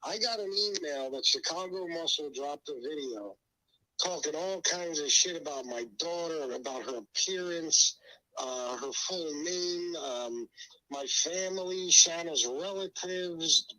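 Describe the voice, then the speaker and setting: Profane caller on a speakerphone. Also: male voice, on the high side, measured pace, pushed and bright, poor audio. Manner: blunt and profane, repeating himself. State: mouth numb from the dentist. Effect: heard over a speakerphone. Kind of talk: casual call-in chat.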